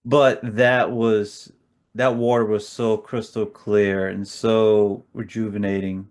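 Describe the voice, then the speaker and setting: A man's voice: fairly low pitch, little pitch movement, slow pace, clear, resonant tone. A man co-hosting a casual conversation, chatty and friendly. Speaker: co-host.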